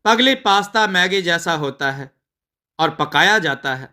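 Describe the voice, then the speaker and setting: Narrator as a patient young husband, gently correcting, high and bright. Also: male voice, expressive, unhurried, heavily acted.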